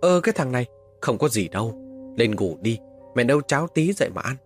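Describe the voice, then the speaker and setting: A man voicing a worried, gentle village mother who soothes and fusses over her son, in a spoken horror story. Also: medium pitch, big pitch swings, a little fast, soft background music, close to an everyday voice. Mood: soothing. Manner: soothing, fussing.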